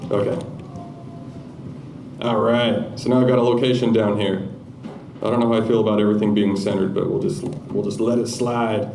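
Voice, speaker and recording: A man's voice: lowish voice, flat delivery, normal speed, creaky, echoey room, distant mic, noisy background. A man giving a live-coding tech talk at a conference, chatting through his code with joking, self-deprecating asides. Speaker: conference speaker. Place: conference room with audience.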